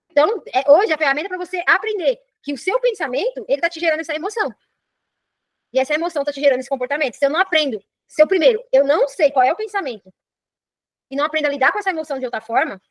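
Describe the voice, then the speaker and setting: A middle-aged Brazilian woman with a Brazilian Portuguese accent leads a live online class as a personal development coach, speaking very fast in a high voice. She's animated and keeps checking in with "entendeu?" The recording is dry and close, with no echo.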